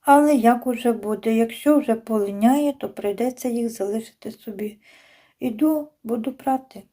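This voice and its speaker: A woman vlogging about her knitting at home, chatting to viewers in an unhurried way with many fillers and restarts. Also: fairly high pitch, warm tone. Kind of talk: casual chat to viewers. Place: home, indoors by a window.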